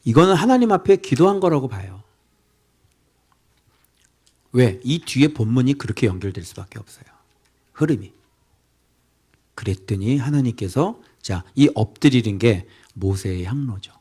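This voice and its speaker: A middle-aged male pastor preaching an expository sermon, firing rhetorical questions at the congregation and swinging between loud scolding outbursts and near-whispers. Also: medium pitch, lively intonation, normal speed, pauses often, husky.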